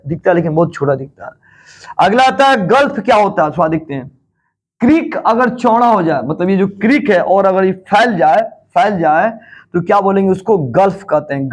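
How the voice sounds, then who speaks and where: A man with a Bihar Hindi accent teaching a geography lesson, repeating key terms and quizzing the class, rising on questions and dropping low on the answers.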